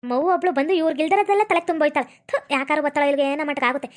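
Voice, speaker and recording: A woman's voice: sits high, very fast, lightly acted. Woman playing a scheming muttering village woman. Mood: resentful. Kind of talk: village family drama acting.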